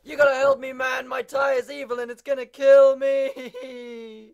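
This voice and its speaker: A man voicing a panicky cartoon character who yelps about danger in a sped-up animated comedy voice, over hissy staticky clip audio. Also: very high voice, very slow, muffled recording, heavily acted. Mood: panicked. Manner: frantic, yelping.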